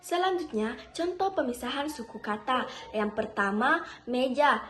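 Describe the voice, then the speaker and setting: A woman's voice: a little high, unhurried, a bit bright, a little hiss or hum. Young woman reading a class presentation. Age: young adult. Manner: reads from notes with frequent filler "eh". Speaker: student presenter.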